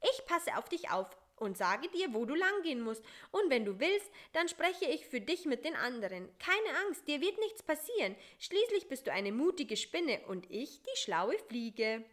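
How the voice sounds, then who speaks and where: A woman's voice: big pitch swings, a bit bright. Busy bossy fly, voiced by a woman. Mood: eager. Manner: eager, talks fast and high. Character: pushy, clever male fly, restless and bossy.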